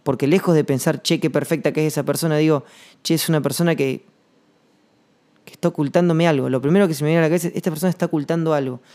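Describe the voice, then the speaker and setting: A man with a Rioplatense Spanish accent hosting a reflective solo podcast monologue, rambling and slangy, thinking aloud with pauses. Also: fairly high pitch, fairly even intonation, a little mellow. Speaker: podcast host.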